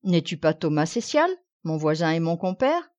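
A woman's voice: low voice, sing-song, moderate pace, darkish tone, lo-fi sound. Blunt peasant squire, a woman reading. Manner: blunt, matter-of-fact.

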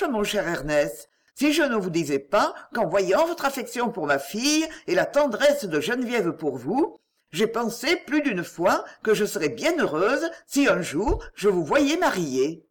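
A woman doing a sorrowful, grave mother. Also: on the high side. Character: sorrowful middle-aged mother, gentle, grave.

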